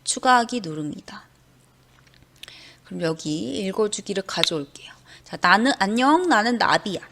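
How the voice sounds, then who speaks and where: A woman's voice: mid-range voice, expressive, normal speed, gravelly, background noise. A woman teaching a coding lesson to schoolchildren, walking through each step patiently and starting her sentences with a prompting "ja". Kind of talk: screen-recorded coding lesson.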